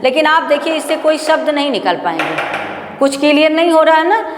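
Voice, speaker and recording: A woman's voice: sits high, animated, fairly quick, noisy background. A woman teacher giving a grammar lecture. She explains step by step, asking questions and answering them herself. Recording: echoey classroom with long reverb.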